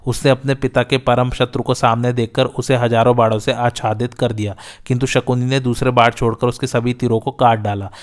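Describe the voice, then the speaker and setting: A man narrating an ancient epic battle story in a steady, measured reading. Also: mid-range voice.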